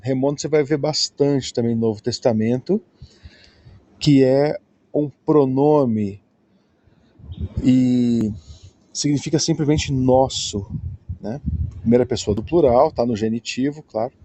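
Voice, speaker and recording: A man's voice: medium pitch, a little slow, pauses often, mellow, dry recording. A Brazilian man giving a patient, explanatory lesson, often checking in with his listeners. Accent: Brazilian Portuguese. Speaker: Greek teacher.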